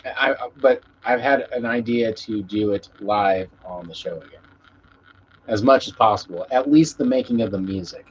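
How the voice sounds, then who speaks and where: A man with a mid-range, expressive voice speaks at a moderate pace as he hosts a live stream. A musician, he chats with viewers casually, rambling and swearing freely, over muffled lo-fi audio with background noise.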